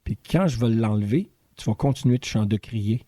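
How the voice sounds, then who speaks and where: A man with a Québécois accent, a guest in a casual interview, telling a story in an animated way and acting out the dialogue. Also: fairly low pitch, normal speed, no echo. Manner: animated storyteller who acts out quoted dialogue. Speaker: guest singer-songwriter and voice teacher.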